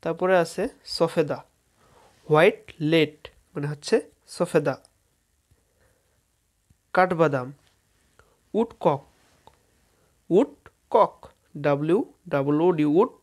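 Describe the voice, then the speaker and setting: Slow and a little mellow, his high-leaning voice leaves long pauses as he teaches. Bengali is his first language, and in this casual lesson he names fruits in English, spelling each one out letter by letter to his viewers.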